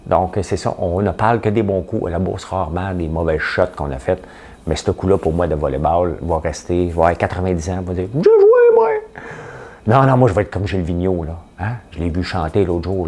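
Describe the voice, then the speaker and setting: A man with a Quebec French accent, hosting a casual morning talk to camera, rambling and animated as he tells stories. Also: sits low. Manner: chatty, rambling, animated storytelling. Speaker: host. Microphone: studio camera setup.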